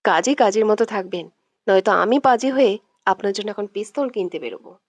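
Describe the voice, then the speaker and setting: A woman's voice: medium pitch, brisk, no room sound, lightly acted. A woman voicing a domineering, hot-tempered young man who bosses and threatens in curt lines, in a read-aloud audio story. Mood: threatening.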